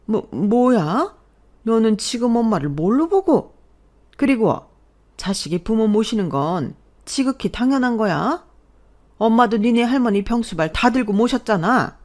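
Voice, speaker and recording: A woman voicing a domineering middle-aged mother-in-law who shouts and scolds in a radio drama. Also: on the high side, lively intonation, moderate pace, voice pushed up, natural voice. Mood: scolding. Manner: shouting, accusing, loud. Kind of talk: Korean radio drama acting.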